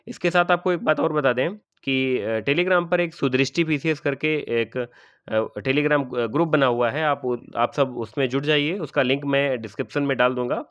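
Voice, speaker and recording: A man's voice: mid-range voice, moderate pace, a bit bright, smooth, no echo. Male Hindi exam tutor, methodical, answers his own questions, dry, slightly muffled close recording. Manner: repeats each word and checks with "ठीक है". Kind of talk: spelling lesson for exam aspirants.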